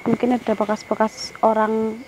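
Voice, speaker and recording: A woman with a higher voice leads a paranormal summoning outdoors by a river while faint crickets chirp behind her. She switches between whispered Islamic prayers, stern commands to a spirit and quick asides to her cameraman. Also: completely flat delivery, dark tone, a little hiss or hum, poor audio. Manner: directs the cameraman as she talks; some prayers muttered in a whisper. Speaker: ghost-hunting vlogger.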